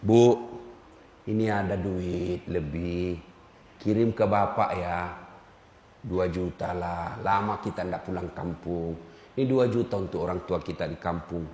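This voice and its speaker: A preacher acting out a meek married man who speaks slowly and quietly, pleading. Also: low-pitched, a little hiss or hum, pitched below the performer's own voice. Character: soft-spoken married man, meek before his wife. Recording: echoey hall reverb.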